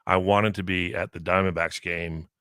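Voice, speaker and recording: A man's voice: low-pitched, steady tone, normal speed, sharp tone, clear, resonant tone, no echo, studio quality. A man hosting a radio show in casual morning chat.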